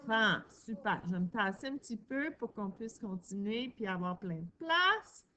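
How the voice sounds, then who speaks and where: A woman teacher, giving a recorded phonics lesson to young children in a patient, encouraging way and sounding out syllables slowly. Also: medium pitch, fairly bright tone, slight background noise. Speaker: primary school teacher.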